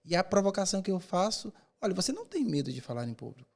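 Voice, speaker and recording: A man's voice: high voice, sing-song, racing. A man who mentors public speaking, answering in a podcast interview with emphatic, rhetorical delivery and repeated words for effect.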